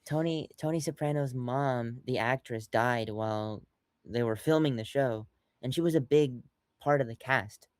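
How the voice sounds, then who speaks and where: A man's voice: mid-range voice, normal speed, no echo. Rambling young man, dry close sound. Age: young adult. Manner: rambling, many fillers and restarts, acts out quotes. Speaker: podcast co-host. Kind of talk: casual chat.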